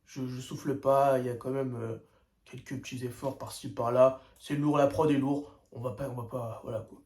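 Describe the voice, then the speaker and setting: Mid-range, steady and somewhat dark in tone, this young man speaks at normal speed while reacting to music on first listen. The room is echoey, and his casual slang is packed with hesitations, "tu vois" and "euh."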